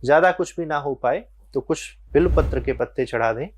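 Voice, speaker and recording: A man, a spiritual teacher, calmly explaining devotional practice in an interview and telling short religious parables. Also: a little high, slight background noise. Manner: calm, unhurried, tells short religious parables.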